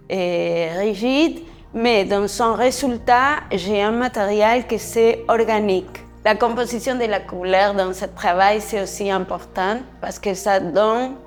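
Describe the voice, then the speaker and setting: Speaking slowly at medium pitch, a woman artist with Spanish as her first language leads a guided talk through her exhibition in deliberate, halting non-native French. The gallery's stairwell and rooms produce long echoing reverb, and music runs underneath.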